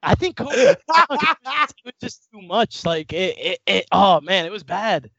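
A man's voice: high-pitched, sing-song, unhurried, pushed and bright, dry recording, muffled recording. A man co-hosting a casual podcast chat, swearing a lot and laughing. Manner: profane, laughing, calls people bro and man. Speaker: podcast co-host.

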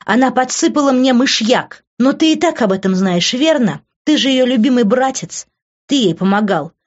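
A woman voicing an enraged young woman who shouts accusations and threats. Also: on the high side, expressive, normal speed, dull audio, voice pushed up. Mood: furious. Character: furious young woman, quick-tempered heroine.

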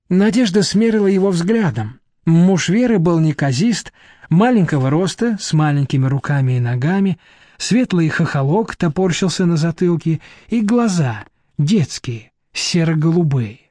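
Male audiobook narrator, lively and mellow, dry studio sound. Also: a little high, dry recording. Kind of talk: scripted narration.

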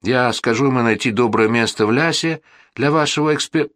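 A man's voice: mid-range voice, brisk, a bit bright, no echo, studio quality, pitched above the performer's own voice, natural voice. Man voicing a young girl, stubborn. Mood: pleading. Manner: mixes Polish words into broken Russian.

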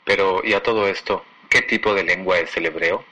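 A man giving a scripted educational narration about a language, measured and explanatory, slowing down to spell out example words. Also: low voice, fairly even intonation, bright, forceful tone. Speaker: language lecturer.

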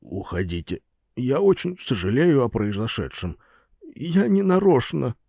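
A man's voice: mid-range voice, sing-song, a little slow, gravelly, dry recording, highs cut off, heavily acted. Man doing a timid, mumbling drunk projectionist. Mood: frightened. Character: frightened middle-aged male drunk projectionist. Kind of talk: audiobook character voice.

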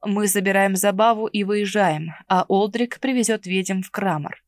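A woman's voice: mid-range voice, fairly even intonation, normal speed, no room sound, clean studio sound, close to an everyday voice. A woman voicing a stern, irritable male inquisitor in an audiobook, with a curt, ironic and commanding delivery. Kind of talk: audiobook character reading.

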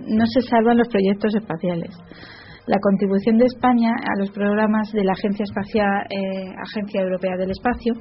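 A woman's voice: medium pitch, breathy edge. A woman reading science news items aloud on a radio show, with careful delivery and small slips. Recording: dull radio broadcast with faint music.

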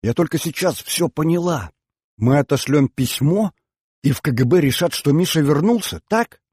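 A man reading an audiobook voices an excitable teenage girl who speaks in breathless, rising questions. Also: fairly high pitch, normal speed, slightly rough, no echo, studio quality, voice pushed up. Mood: excited.

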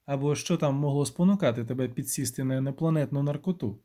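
Brief: male narrator, measured and wry, warm low-brightness tone. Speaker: audiobook narrator. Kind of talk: first-person audiobook narration.

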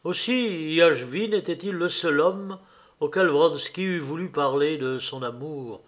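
Man reading a novel, slightly high voice. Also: a little slow. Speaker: audiobook reader. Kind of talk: reading a classic novel aloud.

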